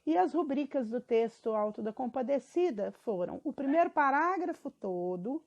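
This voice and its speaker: A woman's voice: sits high, lively intonation, normal speed, highs cut off. A girl of about twelve, reading school questions and her answers aloud, evenly and with small stumbles. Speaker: student.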